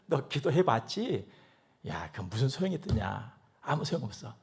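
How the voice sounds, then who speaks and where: A preacher voicing a scornful tempter spirit that needles and mocks with questions. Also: male voice, medium pitch, sing-song, normal speed, darkish tone, slightly rough, pitched below the performer's own voice, exaggerated voice. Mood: taunting.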